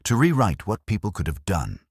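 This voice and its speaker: A man reading the lines of a grave, deliberate police inspector in a mystery story, in clipped pronouncements. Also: lowish voice, wildly swooping pitch, husky, no echo, clean studio sound, pitched above the performer's own voice, exaggerated voice. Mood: grave, measured. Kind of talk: read-aloud mystery story dialogue.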